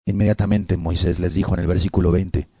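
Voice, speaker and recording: A man preaching a sermon with dramatic swings between loud cries and hushed whispers, hammering the listener with rhetorical questions. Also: sits low, little pitch movement, brisk, slightly rough, no room sound, clean studio sound.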